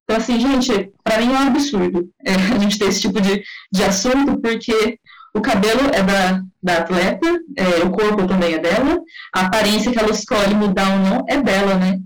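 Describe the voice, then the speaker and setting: A woman's voice: mid-range voice, normal speed, faint music behind. A woman, speaking as a panelist in a casual discussion, emphatic and indignant. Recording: echoey room, distant mic.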